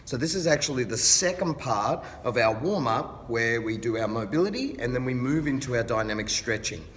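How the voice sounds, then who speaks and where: A man working as a fitness instructor, explaining exercises in a careful, unhurried and encouraging manner. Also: medium pitch, lively intonation, fairly bright tone. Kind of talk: instructional exercise demonstration with coaching cues. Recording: distant mic, reverberant hall, background noise.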